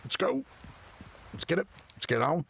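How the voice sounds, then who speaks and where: A man's voice: a little high, very animated, moderate pace, gravelly, a bit bright. A man casually commentating a game playthrough, rambling and talking to himself and his viewers. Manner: chatty, rambling, talks to himself and chat. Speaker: gamer streaming a playthrough.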